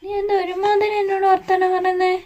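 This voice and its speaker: A woman's voice: very high voice, level tone, fast, a little mellow. A woman in a home vlog, hurt and reproachful as she argues with her husband, picked up by a camera some way off. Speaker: vlogger, wife being pranked. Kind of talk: casual home vlog, upset argument.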